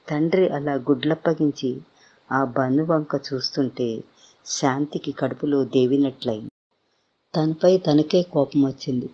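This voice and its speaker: A man narrating a story in an expressive way, putting on voices for its characters. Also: medium pitch. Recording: dull lo-fi recording.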